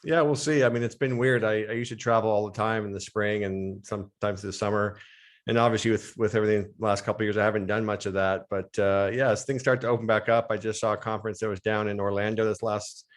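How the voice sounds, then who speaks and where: A man's voice: fairly low pitch, steady tone, fast talker. An American man speaking as a podcast guest, explaining things fluently in casual conversation. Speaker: podcast guest, strength and conditioning coach. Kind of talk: casual interview chat.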